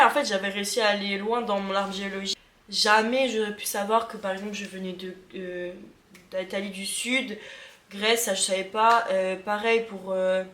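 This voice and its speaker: A woman from Lorraine in France talking casually to her viewers as a vlogger, chatty and excitable, thinking aloud with many fillers as she reacts. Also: mid-range voice, reverberant. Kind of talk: casual vlog reacting to results.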